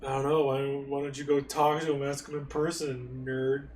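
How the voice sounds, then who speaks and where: A man's voice: medium pitch, little pitch movement, normal speed, darkish tone, a little hiss or hum. A man joking sarcastically while commentating on a video game. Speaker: let's play host. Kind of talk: casual gaming commentary. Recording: roomy, distant mic with game music.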